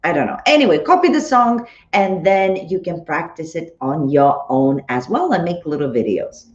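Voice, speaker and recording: A woman dance instructor leads a live-streamed class, bubbly and greeting viewers by name, her lowish, expressive voice at normal speed but a little worn as she loses it. Recorded on a phone, the sound is roomy and slightly dull.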